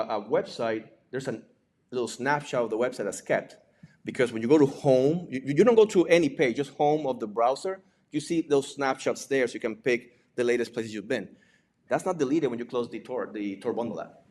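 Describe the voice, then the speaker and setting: A native Spanish-speaking man from Puerto Rico, with the accent to match, gives an informal lecture as a presenter who works as a digital forensics examiner and instructor. His medium-pitched voice has a darkish tone, with a little hiss or hum in the audio. He keeps it conversational, posing rhetorical questions and tagging points with "right?".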